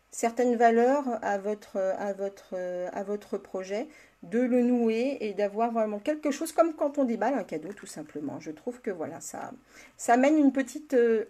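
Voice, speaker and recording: Hosting a live card-making tutorial, this older crafting demonstrator speaks in a mellow voice that sits on the high side. She laughs a lot as she works and addresses her viewers by name.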